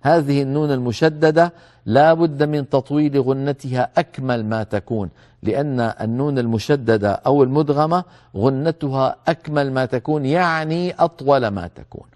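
A man giving a tajweed lesson, calmly explaining the rules and slowly repeating words to demonstrate them. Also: medium pitch. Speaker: Quran recitation teacher.

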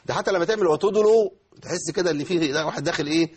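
Fast, husky Egyptian man teaching recitation. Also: on the high side. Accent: Egyptian Arabic. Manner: quizzes students by name, demonstrates verses slowly. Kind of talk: tajweed lesson with students.

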